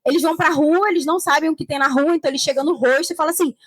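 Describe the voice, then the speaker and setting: A Brazilian woman telling travel stories on a panel, animated and acting out the voices of people she quotes. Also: high-pitched, racing, no room sound. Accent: Brazilian Portuguese. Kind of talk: casual panel conversation. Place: stand at a tourism fair.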